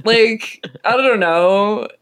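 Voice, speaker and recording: An animated podcast speaker in a relaxed political chat. They talk playfully and race ahead in quick bursts. The pitch sits in a middle range.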